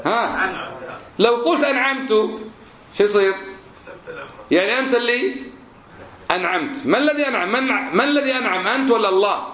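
A religion teacher with a high, animated voice speaks fast but with long pauses, his tone a bit bright. In this classroom lesson he drills verb forms through questions, captured in a roomy, dull lo-fi recording.

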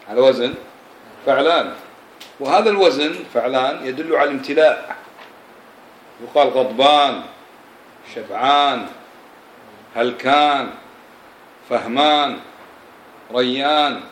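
A man gives a classroom lesson on scripture in an echoey room. His voice sits in the middle register, and faint room noise is heard behind him. He keeps stopping to check understanding with quick questions to the class. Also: mid-range voice. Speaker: religious teacher.

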